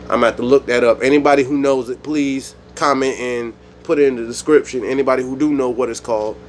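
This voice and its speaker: A man from the United States hosting his own channel, speaking his mind in a rambling, animated monologue with frequent restarts. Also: mid-range voice, quick pace, a little hiss or hum. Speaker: YouTube channel host. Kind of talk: solo opinion monologue.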